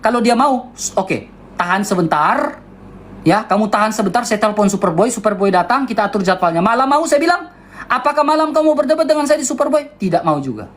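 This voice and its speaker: A man with an eastern Indonesian accent delivering a heated livestream rant in a loud, high-toned, insistent way. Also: animated, a little fast. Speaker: debater on a livestream.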